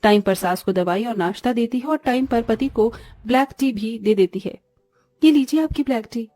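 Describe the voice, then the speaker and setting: A woman narrates a scripted family story in a plain, steady way. Her voice is high yet mellow, and the recording is dry with faint music under it. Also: normal speed, dry recording.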